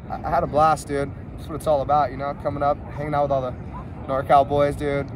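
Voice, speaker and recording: A man's voice: fairly high pitch, level tone, quick pace. A young man chatting casually in slangy, profane, hyped surfer talk, recorded on a phone on an open beach. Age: young adult. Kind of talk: casual vlog chat. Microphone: phone at arm's length. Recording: noisy outdoor phone recording, surf and wind.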